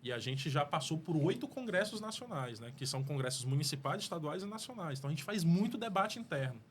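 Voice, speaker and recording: Here the Cearense-accented guest from Fortaleza, Brazil, sounds fairly high-pitched, animated and fast, over a faint hiss or hum. As a mayoral pre-candidate in a podcast studio, he speaks earnestly but rambles, often starting his sentences over.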